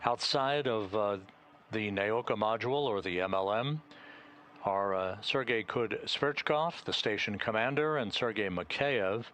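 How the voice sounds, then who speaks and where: A man giving live spacewalk commentary in measured, hesitant phrases. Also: on the low side, fairly bright tone. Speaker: mission commentator. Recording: faint background noise.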